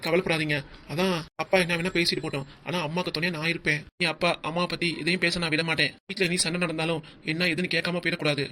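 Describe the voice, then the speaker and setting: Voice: mid-range voice, flat delivery, fast, bright, forceful tone, a little hiss or hum, close to an everyday voice. A performer voicing a loyal young son who argues earnestly for his mother in a cartoon comedy. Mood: protective. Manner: earnest, arguing.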